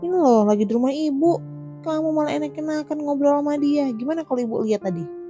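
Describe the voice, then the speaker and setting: A woman voicing a jealous young wife scolding her husband in an animated drama. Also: sits high, quick pace, soft background music, pitched above the performer's own voice, close to an everyday voice. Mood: angry. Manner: scolding, indignant.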